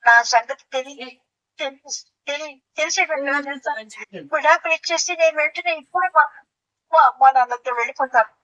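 A woman voicing a suspicious, quick-tempered young wife in a comic audio play, shrieking her accusations with theatrical outrage. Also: high-pitched, sharp tone, far from the mic, muffled recording. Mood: furious.

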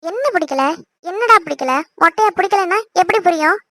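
A woman's voice: very high-pitched, animated, fairly quick, sharp tone, dry recording, clean studio sound, full character voice. A woman voicing a teasing, bossy young older sister in a family cartoon, with a chirpy voice. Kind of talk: cartoon voice acting.

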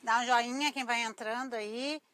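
A middle-aged Brazilian woman speaks in a thin, reedy voice that sits high and has a sharp, slightly cracked edge. She chats informally to her viewers, like a craft teacher running a relaxed live class. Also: moderate pace, dry recording. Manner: chatty, informal, often addressing viewers. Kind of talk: casual live-stream tutorial chat. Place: small cluttered craft workshop indoors. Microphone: clip-on lapel mic.

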